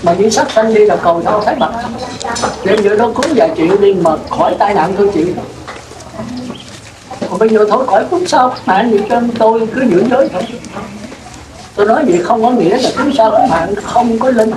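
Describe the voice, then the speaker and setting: A man's voice: high-pitched, fairly quick, long pauses, crowd noise. A Buddhist monk giving a sermon in a plain-spoken way, putting questions to his listeners. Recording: roomy, distant mic with clear noise.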